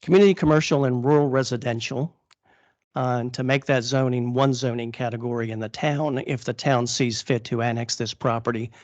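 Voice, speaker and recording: A man presenting formally at a public meeting as an applicant's attorney, halting with many fillers and restarts, and losing his voice. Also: mid-range voice, no echo. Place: council chamber.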